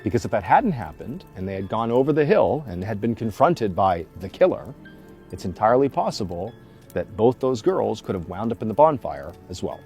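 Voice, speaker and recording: A man tells a creepy true tale like a casual but dramatic storyteller, with music underneath. His pitch moves in a lively, expressive way as he leans on key words. He keeps it conversational while building suspense. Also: moderate pace. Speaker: storyteller, host of a story show.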